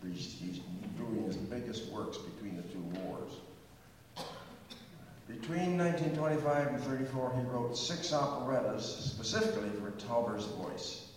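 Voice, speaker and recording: An older man with a mid-range voice talks animatedly at normal speed before a concert, giving a chatty music history lecture that wanders into asides and hummed snatches of tunes. He's captured from a distance in an echoey hall, with a little hiss or hum.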